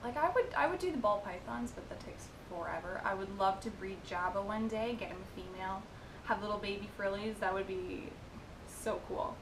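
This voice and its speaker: Young woman reading viewer questions, echoey room. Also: a little fast. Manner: chatty, reads questions aloud, giggly asides. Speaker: vlogger answering viewer questions. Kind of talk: casual Q&A chat. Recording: echoey room with noisy rumble.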